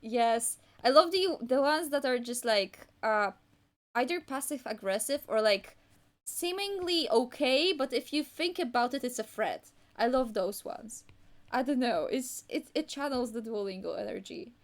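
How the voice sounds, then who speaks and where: On her drawing livestream, a young woman whose native language is Polish chats casually in a wandering, halting way, restarting often and using lots of fillers. Her fairly high voice has lively intonation and a measured pace.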